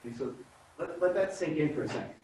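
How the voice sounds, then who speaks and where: A man's voice: fairly high pitch, fast talker, background noise. A man from New York with a New York accent, giving a sales presentation to a room of realtors, full of rhetorical questions. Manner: animated, asks rhetorical questions. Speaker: guest speaker presenting to realtors. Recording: phone-like, echoey room from far off.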